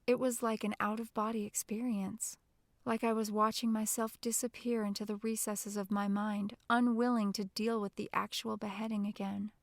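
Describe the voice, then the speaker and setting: A woman narrating an audiobook in the first person with a hushed, tense, intimate delivery. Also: mid-range voice, level tone, normal speed, dry recording.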